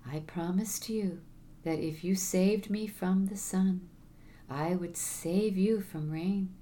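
Woman whispering as a gentle male snake. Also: fairly low pitch, slight background noise. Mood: patient, earnest. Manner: slow hushed whisper. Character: gentle grateful male snake, slow and hushed.

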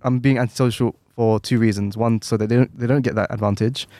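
A man talks fast and loosely on a casual podcast, stumbling over restarts and fillers as he goes. His voice sits in a middle pitch, recorded close and dry. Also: fairly even intonation, warm tone, no echo. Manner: quick, rambling, frequent restarts and fillers. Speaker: podcast co-host. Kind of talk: casual chat.

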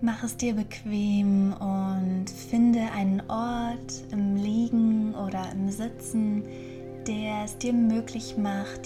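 Female meditation guide: soft breathy near-whisper, slow, level pitch, soothing. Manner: soothing, unhurried, gentle instructing. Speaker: podcast host and guided meditation leader.

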